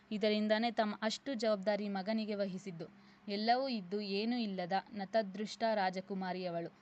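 A woman narrating a serialized romance story in a measured, expressive storytelling manner. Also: mid-range voice. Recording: slightly dull lo-fi recording.

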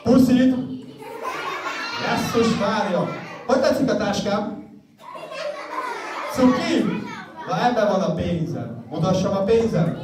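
A woman's voice: medium pitch, lively intonation, long pauses, noisy background. A woman children's entertainer running a live party show, playful and teasing as she calls out to the kids. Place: large indoor hall with a crowd and music. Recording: echoey hall, far from the camera, loud crowd and music.

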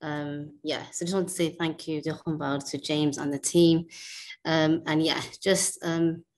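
A young woman raised in Wales, speaking softly and hesitantly with many fillers as a guest speaker on a video call, a little nervous. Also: low voice, level tone, unhurried, slight background noise. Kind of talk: casual spoken introduction. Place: indoor room at home. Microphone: wired earphone mic on a video call.

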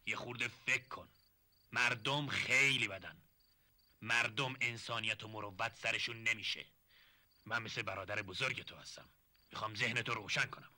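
An actor playing a sly, smooth-talking older relative who coaxes and confides in hushed tones in a 1970s TV drama. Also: male voice, lowish voice. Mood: coaxing.

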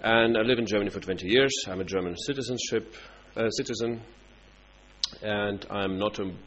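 A man speaking at a conference, halting, with many fillers and restarts. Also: fairly low pitch, a bit bright. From Russia. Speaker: party international coordinator. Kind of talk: conference speech. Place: conference hall. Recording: dull conference-room recording with faint hum.

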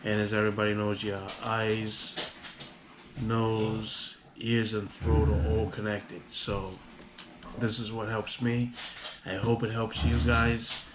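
A man vlogging casually about a home remedy, rambling with halting restarts and fillers. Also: fairly low pitch, level tone. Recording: audible background noise.

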